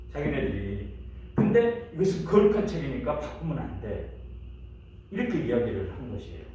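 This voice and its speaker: A man's voice: high-pitched, a little mellow. A middle-aged male pastor teaching a church history class in a chatty way, asking the class questions and laughing now and then. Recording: echoey room, mic from a distance, faint hiss.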